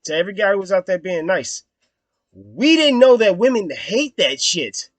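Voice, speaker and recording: A man's voice: sits high, very animated, normal speed, no room sound. A young man hosting his own vlog, talking through a film review in a blunt, profane, rambling way with lots of fillers. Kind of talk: casual rambling commentary.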